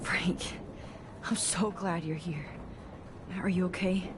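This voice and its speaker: A woman's voice: lowish voice, steady tone, takes it slowly, background noise. An actress playing an earnest, anxious, caring young woman in a dramatic game. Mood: gentle, somber. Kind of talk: dramatic game dialogue and inner monologue.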